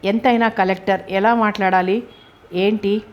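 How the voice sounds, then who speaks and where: Even-toned woman audiobook narrator. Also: medium pitch, normal speed, muffled recording. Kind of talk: scripted narration.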